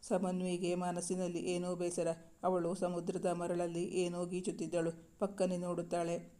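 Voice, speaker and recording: Steady audiobook narrator, monotone delivery, soft dark tone, scripted story reading. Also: medium pitch, moderate pace.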